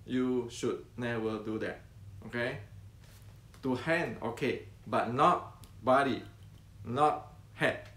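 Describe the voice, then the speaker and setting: In an echoey room, an older Indonesian-accented man from Indonesia, a martial arts teacher, addresses the camera without a script in a medium-pitched, slightly bright voice. Earnest and repetitive, he stumbles often with fillers and restarts.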